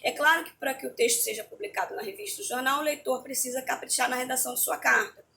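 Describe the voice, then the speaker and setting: A woman's voice: high-pitched, quick pace, gravelly, pushed and bright, slight background noise. A woman teacher giving a remote lesson, explaining a textbook in a chatty way and often checking in with her students.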